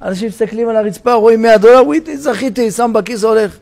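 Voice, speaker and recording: A rabbi giving a sermon in a synagogue, telling a parable with dramatic shouts and changes of voice. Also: male voice, sits high, steady tone. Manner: dramatic storytelling, shouting the parable's cries for help.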